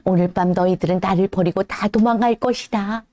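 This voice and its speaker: A woman voicing Jesus as a calm, solemn grown man in a children's Bible story, speaking slowly and gently. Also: mid-range voice, pitched below the performer's own voice, natural voice. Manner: slow, gentle, grave speech.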